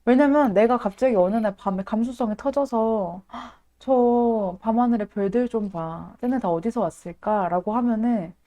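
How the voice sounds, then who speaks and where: A woman hosting a casual live stream, excitable and dramatic, often laughing and reacting to viewer comments. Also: mid-range voice.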